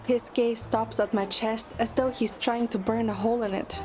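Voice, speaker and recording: Over loud background music, a woman with a fairly high, steady voice reads at a moderate pace. She is the narrator and lead of a fan audio drama, delivering scripted first-person dramatic narration.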